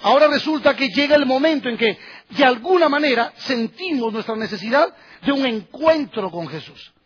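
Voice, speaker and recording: A man's voice: very high-pitched, lively intonation, moderate pace, fairly bright tone, breathy edge, lo-fi sound. A man preaching a sermon, pressing his listeners with repeated rhetorical questions.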